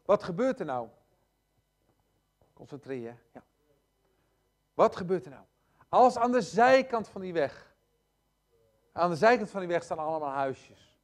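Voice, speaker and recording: Guy preaching a sermon, pretty high voice, keeps repeating himself, talks right to the church, goes loud then real quiet. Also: sing-song, unhurried, pauses often. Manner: emphatic, repeats phrases, swings between loud and hushed; addresses congregation directly.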